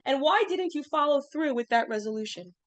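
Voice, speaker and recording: A woman in her thirties leads a small class in a slightly high voice, chatting loosely and tossing questions to the group. She leans on fillers as she talks, keeping things relaxed and conversational. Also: a little fast. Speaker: class teacher. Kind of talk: informal class lesson.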